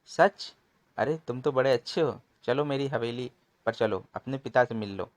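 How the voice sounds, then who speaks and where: A man voicing a cunning, scheming village woman who wails and exclaims loudly in a comic storybook. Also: mid-range voice, moderate pace, close to an everyday voice. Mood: wheedling. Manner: wailing, exclaiming.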